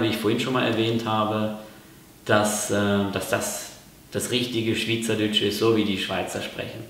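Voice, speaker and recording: A man's voice: lowish voice, a little hiss or hum. A man from Germany explaining things in a casual vlog, talking hesitantly with lots of fillers and restarts. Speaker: vlogger. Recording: very echoey room.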